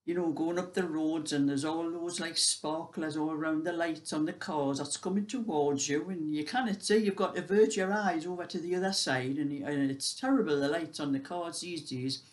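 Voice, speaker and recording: A seventy-five-year-old British woman with a low-sitting voice chats casually, rambling through everyday stories. She's a vlogger sharing her daily life, speaking at a normal speed with few pauses.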